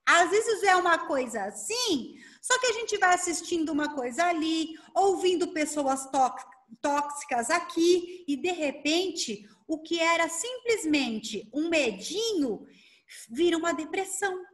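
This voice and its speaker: A Brazilian woman coach giving a lively online workshop, talking fast and asking herself rhetorical questions over a video call. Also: extremely high pitch. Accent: Brazilian Portuguese. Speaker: coach and speaker leading a workshop.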